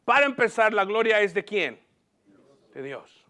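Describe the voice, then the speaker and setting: A male pastor preaching a lively sermon from a church platform, asking the congregation questions and mixing in English words. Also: high-pitched, measured pace.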